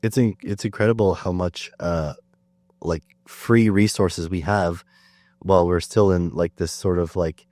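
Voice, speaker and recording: A man's voice: low voice, steady tone, unhurried, a little mellow, no echo. A man hosting a podcast, chatting casually with many fillers and restarts. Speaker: podcast host. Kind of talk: casual conversation.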